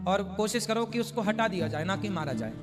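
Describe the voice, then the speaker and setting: High-pitched guy calmly explaining spiritual stuff, echoey hall, music behind. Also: brisk. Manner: calm, patient, explains with everyday examples. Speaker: spiritual teacher answering devotees. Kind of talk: religious question-and-answer discourse.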